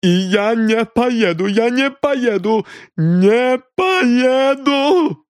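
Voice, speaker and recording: A shrill, furious middle-aged woman, as a male reader puts her on hurls indignant outbursts in a raised, strained voice. Her defiance climbs ever higher. The sound is close and dry, with no room around it. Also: expressive, very slow, dry recording, heavily acted. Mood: desperate.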